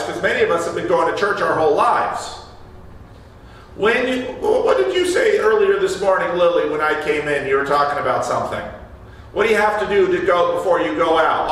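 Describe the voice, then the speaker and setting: A man preaching in a church with a fairly high voice, talking with his congregation like a conversation and stopping to put questions to them. He is picked up from a distance, so the sound rings in a very echoey hall with faint room noise behind him. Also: fairly bright tone. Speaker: pastor. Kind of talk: sermon. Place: church sanctuary.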